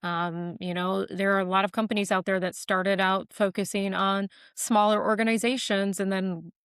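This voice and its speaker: A woman podcast guest talking casually, explaining ideas with quick made-up examples. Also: mid-range voice, flat delivery, a bit bright, clean tone, no echo, studio quality. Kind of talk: casual interview talk.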